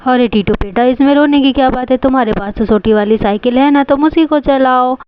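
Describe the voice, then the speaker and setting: A woman voicing a patient middle-aged father who calmly coaxes his child in a doll story. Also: high voice, brisk, clear, resonant tone, dry recording, narrow, tinny audio, close to an everyday voice. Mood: coaxing. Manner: calm, coaxing, gently firm.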